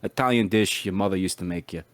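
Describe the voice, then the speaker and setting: Low-voiced man rambling in casual chat. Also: quick pace. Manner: rambling, repeats words, acts out his own past thoughts in a raised voice. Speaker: interview guest.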